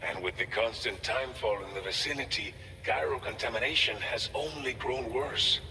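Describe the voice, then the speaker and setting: An actor playing an earnest, grateful outpost staffer in a video game, speaking in a measured, formal way from a distance with reverb. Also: male voice, mid-range voice, bright, forceful tone. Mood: grave. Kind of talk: scripted video game dialogue. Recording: distant, long reverb, faint noise.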